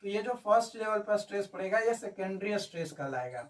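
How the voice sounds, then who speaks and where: A man's voice: sits high, expressive, a little fast, distant mic. A male coaching teacher going through exam answers in a chatty video lesson, repeating his key points.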